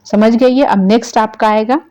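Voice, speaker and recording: A woman's voice: a little high, fairly even intonation, moderate pace, warm tone. Woman teaching grammar. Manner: asks questions and answers them herself, repeating key terms. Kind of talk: exam-prep lecture.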